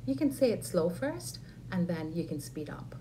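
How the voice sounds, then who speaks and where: A woman teaching an English lesson, saying model phrases slowly and clearly for learners to repeat. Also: lowish voice, big pitch swings, mellow, a little hiss or hum, rough recording. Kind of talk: ESL lesson with repeat-after-me drills.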